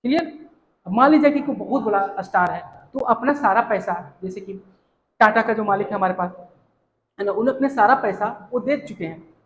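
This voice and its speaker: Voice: medium pitch, slight background noise. Teacher with in roomy room. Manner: reads English lines slowly, checks understanding with "clear?"; explains with everyday examples, filler "है ना". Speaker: English teacher. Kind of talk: explaining a textbook lesson line by line. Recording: roomy echo.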